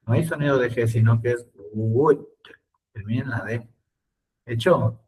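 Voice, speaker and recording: A man teaching an online English class, speaking slowly and repeating words for his students to copy. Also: medium pitch, darkish tone, recorded from a distance, rough recording.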